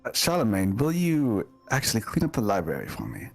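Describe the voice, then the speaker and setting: A man playing a polite, awkward lordly gentleman in a tabletop game, with formal, hesitant, courteous phrasing. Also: lowish voice, huge pitch swings, fairly quick, gravelly, soft background music, full character voice.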